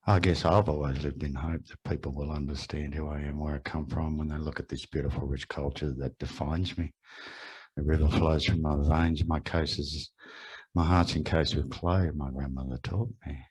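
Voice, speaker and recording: Man, Australian accent, very deep husky voice, slow poetic ceremonial welcome. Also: steady tone, a little mellow, poor audio. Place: large room with an audience.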